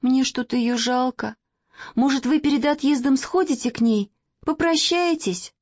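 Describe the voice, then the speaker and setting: A woman's voice: high-pitched, moderate pace, darkish tone, no echo, pitched above the performer's own voice. A woman voicing an earnest little girl who speaks bluntly and reproachfully. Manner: blurting, reproachful. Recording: dry, slightly dull recording.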